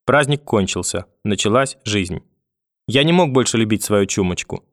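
A man narrating a story in a measured, expressive reading. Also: lowish voice, no room sound, clean studio sound.

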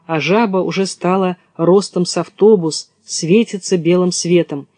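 A man narrating a children's storybook in a lively storytelling manner. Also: high voice, unhurried, no room sound, clean studio sound. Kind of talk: storybook reading.

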